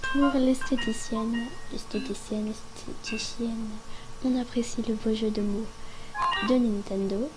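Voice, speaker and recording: A woman with a hoarse, sick voice giving an informal, explanatory tutorial voice-over. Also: fairly high pitch, rough recording. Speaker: video creator presenting a game guide. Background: background music.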